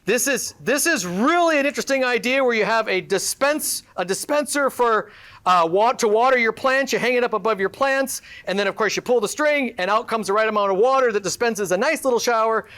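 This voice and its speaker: A man emceeing a live event, introducing student products one after another in an upbeat pitchman style with joking asides to the audience. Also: fairly quick, a bit bright.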